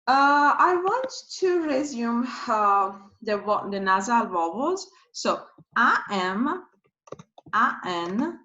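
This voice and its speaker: A woman teaching pronunciation slowly, repeating each word and spelling out letters. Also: fairly high pitch, sharp tone, dull audio. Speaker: French teacher. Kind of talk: slow pronunciation lesson.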